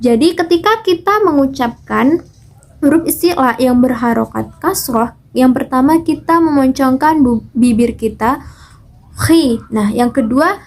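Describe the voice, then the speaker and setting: A young woman from Indonesia, a student giving a recitation lesson, explains letter sounds patiently and chants verses slowly. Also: sits high, darkish tone. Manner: slow, patient explaining with frequent "nah". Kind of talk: explaining Quran letter pronunciation.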